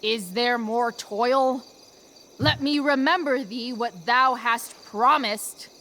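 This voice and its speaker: A woman playing a blunt, sarcastic and reluctant rebellious teenage girl in a video game, halting when she recites. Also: fairly high pitch, fairly bright tone, a little hiss or hum. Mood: hesitant, puzzled. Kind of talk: naturalistic video game acting.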